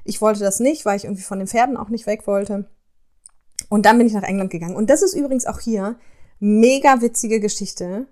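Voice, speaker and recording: A woman hosting a podcast, telling personal stories in a chatty, expressive way and speaking directly to her listeners. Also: mid-range voice, brisk. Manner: chatty, expressive, addresses listeners warmly as "ihr Lieben". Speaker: podcast host. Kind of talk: casual personal storytelling.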